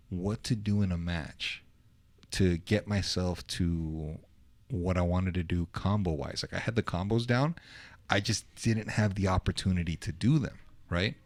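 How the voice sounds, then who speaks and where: Low voiced dude hosting a podcast, slangy and loose, dry close mic. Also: male voice, dry recording. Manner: laid-back, slangy, with lots of "like", "dude" and "bro". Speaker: podcast host. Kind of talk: casual interview chat. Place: podcast studio.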